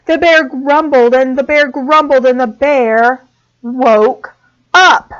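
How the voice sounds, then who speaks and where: Teacher lady reading a kids story, real slow and expressive, kinda muffled sound. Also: high-pitched. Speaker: preschool teacher. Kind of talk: storybook read-aloud for small children. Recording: dull lo-fi sound.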